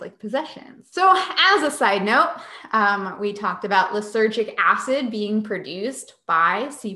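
A woman's voice: medium pitch, pushed and bright, echoey room. A woman hosting a casual science podcast, explaining things in a chatty, sarcastic way. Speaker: podcast host.

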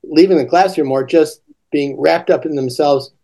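An older man, a teaching coach, explaining classroom ideas slowly in a relaxed podcast conversation. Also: on the high side, creaky.

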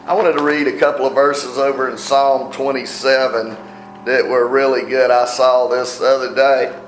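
Male preacher, mid-pitched voice, casual sermon delivery in a reverberant room. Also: little pitch movement, normal speed, soft background music. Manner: conversational, rhetorical questions, frequent "right?". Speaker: pastor.

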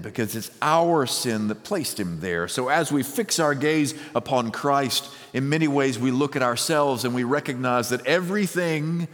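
A male pastor delivers a sermon in an unhurried, measured way. He leans on deliberate pauses and repeated phrases, and his voice rings out with the long reverb of a large church sanctuary. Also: medium pitch. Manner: measured, with emphatic pauses and repetition.

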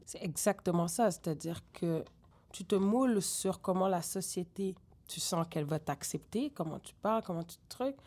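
Woman rapper, raised in Senegal, French accent with Québécois traces, chatty and animated interview guest. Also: lowish voice, moderate pace. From grew up in Senegal. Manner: animated, digressive, many fillers. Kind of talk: candid interview conversation.

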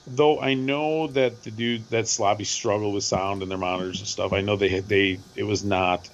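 A middle-aged man with a hoarse voice, co-hosting a podcast and telling a rambling, animated story with lots of repeats. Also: on the low side, moderate pace, dull audio. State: hoarse from screaming at a concert. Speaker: podcast co-host. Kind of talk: casual chat.

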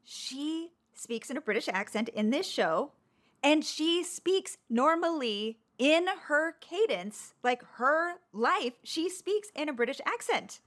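A woman's voice: high voice, animated, takes it slowly, fairly bright tone. A woman co-hosting a podcast, chatting casually about a TV show with rambling, self-deprecating asides. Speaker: podcast co-host.

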